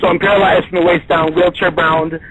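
A man's voice: high-pitched, flat delivery, a little fast, a bit bright. A man in his thirties speaking casually as a guest calling in to a talk show. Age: 30s. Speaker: show guest, wrestling association chief. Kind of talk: casual call-in interview. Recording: dull lo-fi radio call-in.

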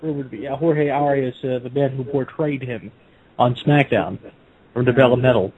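A man with a husky, raspy voice trades dry quips in a casual chat. He sounds tinny and narrow, as if he is coming through a phone line. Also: medium pitch, moderate pace. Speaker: podcast co-host.

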